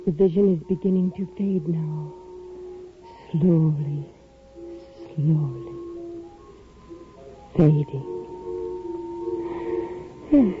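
An actress playing a fortune teller in a 1940s radio drama, intoning portentous visions as if in a trance. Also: female voice, deep voice, fairly even intonation, extremely slow, long pauses, music in the background. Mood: mystical, solemn. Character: mystical fortune teller woman in a staged trance. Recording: tinny vintage radio broadcast.

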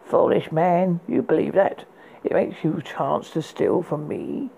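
A man's voice: on the high side, expressive, vocal fry, dark tone, husky, heavily acted. A man doing a cold, menacing enchantress. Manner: cool, slow, threatening.

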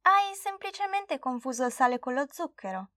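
Woman as a gentle old grandmother. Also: high-pitched, normal speed, dry recording, clean studio sound, pitched above the performer's own voice, heavily acted. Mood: soothing. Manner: soft, calm and reassuring.

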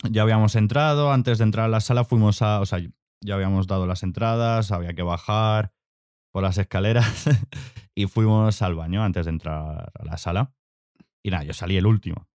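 Young man, low voice, casual podcast chat, rambling storyteller, dry close sound. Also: moderate pace, a little mellow, no echo. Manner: rambling storytelling with fillers and swearing. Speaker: podcast co-host.

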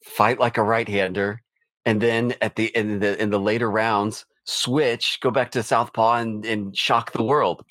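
Middle-aged male co-host, low voice, dry close sound, casual and stammering. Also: fairly even intonation, unhurried, fairly bright tone, no echo. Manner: restarts often, with playful laughter. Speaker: podcast co-host. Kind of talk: casual sports chat.

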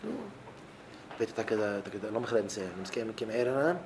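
Rabbi guy preaching to young husbands, gets loud and fired up then quiet, kinda noisy recording. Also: on the low side, quick pace. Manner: emphatic, voice swelling loud on key words. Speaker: rabbi giving a talk to young married men.

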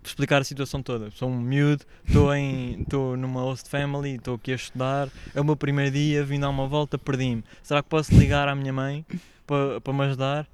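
Um homem jovem com sotaque português europeu, a contar uma história numa conversa descontraída de podcast, imitando as falas dos outros com animação. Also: male voice, mid-range voice, a little fast, few pauses, clean tone. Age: young adult. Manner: animated storytelling, acts out shouted quotes. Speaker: podcast guest telling a story. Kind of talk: casual podcast chat.

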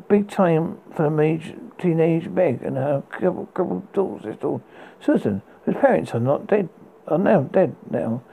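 A performer playing a spooky horror host, reading recommendations in a husky, gravelly voice with a halting, stumbling delivery. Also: mid-range voice, warm tone, rough recording. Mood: ominous. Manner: halting read with stumbles and repeated words. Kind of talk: scripted horror book and film recommendations read as a horror host.

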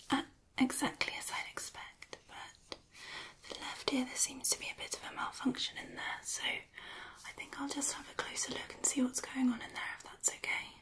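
Slow whispered role-play, woman moving ear to ear. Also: high-pitched, fairly bright tone. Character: attentive, reassuring female examiner running sight and hearing tests. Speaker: ASMR performer playing an examiner.

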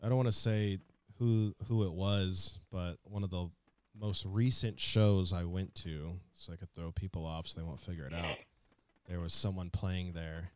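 A man's voice: deep voice, fairly even intonation, moderate pace, a little mellow, smooth. A man hosting a casual podcast over a video call, joking around and laughing often. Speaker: podcast host. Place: home room turned studio.

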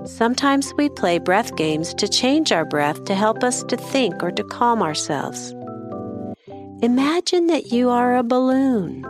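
A woman gently guiding children through a mindfulness exercise in soft, slow instructions. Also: fairly high pitch, sing-song. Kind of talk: guided meditation. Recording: voice over clear music. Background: background music.

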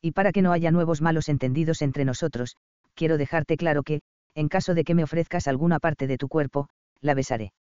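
A man voicing a fierce medieval highland warrior in an audiobook, stern and commanding, speaking low and measured. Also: steady tone, a little mellow, clear, resonant tone, no room sound, dull audio, natural voice. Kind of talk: audiobook character reading.

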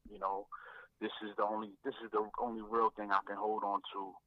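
A man, a guest rapper, telling his faith story in a reflective way, often repeating words and filling pauses. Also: lowish voice, level tone, no room sound, muffled recording.

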